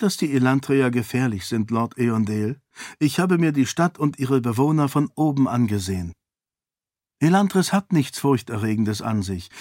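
A man's voice: medium pitch, darkish tone, no room sound, studio quality, voice pushed up, close to an everyday voice. A man voicing a resolute young noblewoman who talks earnestly and persuasively in an audiobook. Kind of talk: audiobook character voice.

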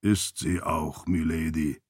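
A slow, deep and bone-dry old manservant, as a male narrator puts him on. Every word lands deadpan and unhurried, with a close, dry sound. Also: breathy edge, dry recording, heavily acted.

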